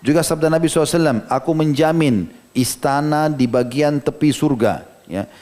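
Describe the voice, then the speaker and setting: Fast-talking male preacher with chatty asides. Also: fairly high pitch, darkish tone. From Indonesia. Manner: conversational, drops in frequent "ya" and "gitu" asides; explains each quote in plain everyday words. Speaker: Islamic preacher. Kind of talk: storytelling sermon.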